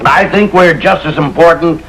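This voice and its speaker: Bright, blustering 50s sitcom neighbor, high and lively, old TV hiss. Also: male voice, normal speed, poor audio. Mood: grumbling. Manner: blustering, shouting in alarm. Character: excitable neighbor husband, middle-aged, loud and blustering. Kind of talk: 1950s sitcom acting. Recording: old TV soundtrack with faint hiss.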